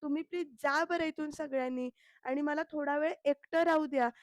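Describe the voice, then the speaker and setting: A tearful, worried young woman, voiced by a woman recapping a serial. The voice is high and pressed. It sounds dry and close to the mic. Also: steady tone, brisk, dry recording, natural voice. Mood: distressed.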